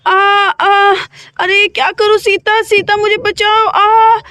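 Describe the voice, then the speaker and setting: A woman's voice: extremely high pitch, little pitch movement, moderate pace, sharp tone, no echo, clean studio sound. Woman voicing a moaning pregnant village woman in labour. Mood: pained pleading. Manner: moaning and pleading.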